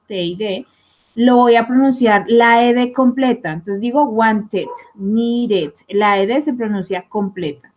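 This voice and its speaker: A young adult woman gives a recorded online English lesson. Her voice sits a little high, and she talks her students through each rule with frequent rhetorical check-ins. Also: a little mellow. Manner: explanatory, asks rhetorical checks like "¿listo?" and "¿sí?". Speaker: English teacher.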